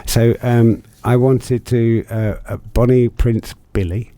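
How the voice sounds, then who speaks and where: A man's voice: medium pitch, steady tone, takes it slowly, dark tone, no room sound. A man hosting a casual radio interview, encouraging his guest with frequent short acknowledgements. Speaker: radio host.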